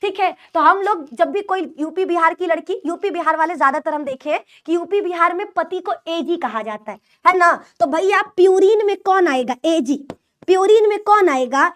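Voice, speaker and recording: High-voiced Hindi biology teacher woman. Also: normal speed, a bit bright. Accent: UP-Bihar Hindi. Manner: repetitive, call-and-response teaching with mnemonic jokes. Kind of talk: online class lecture.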